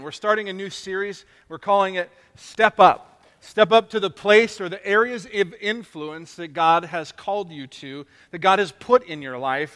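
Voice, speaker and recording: A middle-aged man giving a sermon, his voice pitched high and bright, ringing with a long reverb. He talks conversationally, jokes at his own expense and restarts his phrases often. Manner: conversational, self-deprecating, many restarts. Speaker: pastor.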